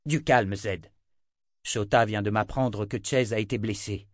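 A man voicing a calm, steady young male hero in an audiobook. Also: lowish voice, unhurried, no echo, clean studio sound, close to an everyday voice. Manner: calm, firm.

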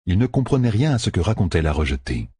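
A man with a husky voice narrating an audiobook with expressive storytelling. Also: low voice, fast, no room sound. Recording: dry close recording.

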